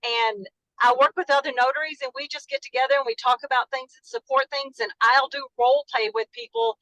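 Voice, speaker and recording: A woman's voice: sits high, expressive, a little fast, a bit bright, no echo, poor audio. Texan lady calling in from her car while driving, dry close sound, chatty and gushing. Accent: Texan (Dallas). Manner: effusive, chatty, apologetic. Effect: calling in by phone while driving a car. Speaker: caller, notary. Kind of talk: casual chat on a video call.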